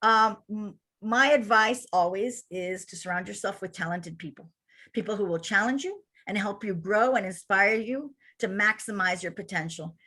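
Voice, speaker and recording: A woman from Cuba, who runs a childcare center, delivers a lively webinar presentation to attendees on a video call. She has a Cuban accent and a mid-range voice at a moderate pace.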